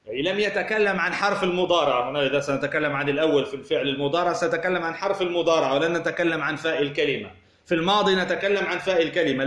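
A man from Tunisia teaching a grammar lesson. He asks rhetorical questions, repeats words as he explains, and says example words slowly. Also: sits high, a bit bright. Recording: echoey room.

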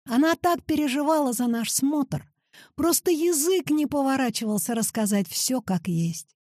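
A woman narrating a children's story for an audiobook in an animated storytelling manner. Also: high voice, normal speed, dry recording, studio quality.

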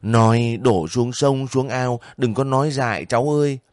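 A man's voice: medium pitch, normal speed, darkish tone, no echo, clean studio sound, voice pushed up, lightly acted. A man voicing a kindly older village woman who pleads and sobs over her nephew in a spoken story. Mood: pleading. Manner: pleading, sobbing, fussing.

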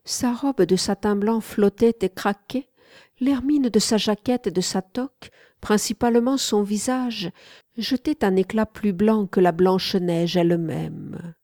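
A woman narrating a literary audiobook in a measured, calm way. Her voice is mellow and warm at an unhurried pace, and the recording is dry and close. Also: mid-range voice, no room sound.

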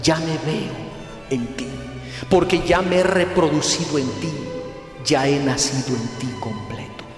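A man voicing a gentle but demanding holy mother who speaks softly and firmly. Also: a little high, unhurried, natural voice. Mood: admonishing. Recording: echoey hall with faint music.

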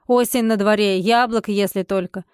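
A woman voicing a stern older housekeeper, speaking slowly and indignantly. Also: medium pitch, fairly even intonation, a little mellow, smooth, dry recording, clean studio sound, natural voice.

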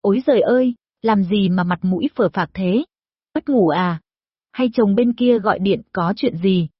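A woman voicing a nosy, chatty older village woman who pries into her neighbor's business, in a shrill, gossipy manner, for an audio story. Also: normal speed, breathy edge, dry recording, natural voice. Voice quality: shrill, prying. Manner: gossipy, scolding, probing. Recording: dull lo-fi recording.

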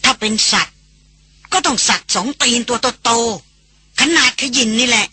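A reader voicing a frightened male forest tracker who speaks in a shaky, hoarse whisper. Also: medium pitch, unhurried, dry recording, voice pushed up, heavily acted. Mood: pleading fear. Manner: hushed, urgent, pleading.

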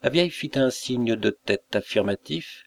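A man narrating a classic fantastic tale in a measured, expressive audiobook reading. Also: mid-range voice, dry recording.

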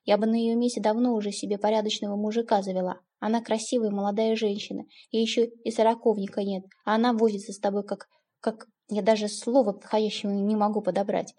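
Woman doing a sharp young stepdaughter, scolding, defiant, loud, husky. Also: medium pitch, level tone, fast talker, natural voice.

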